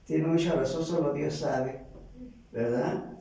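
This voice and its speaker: A man with a Mexican accent giving a halting, earnest personal faith testimony, often repeating words. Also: fairly high pitch, steady tone, vocal fry, dark tone. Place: large church hall. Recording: echoey church from far off.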